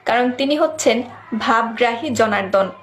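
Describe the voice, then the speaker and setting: A woman with a fairly high voice gives a scripted devotional teaching. She speaks in a measured, explanatory way and poses rhetorical questions to her listeners. A faint background noise sits under her voice. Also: lively intonation.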